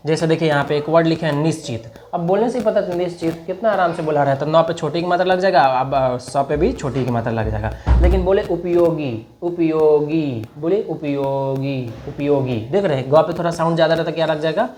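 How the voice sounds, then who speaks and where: A man teaching a spoken lesson, chatty, often checking whether learners follow and repeating example words slowly to show their sounds. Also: fairly high pitch, darkish tone, slight background noise. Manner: chatty, keeps asking learners if they understand. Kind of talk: spoken Hindi writing lesson.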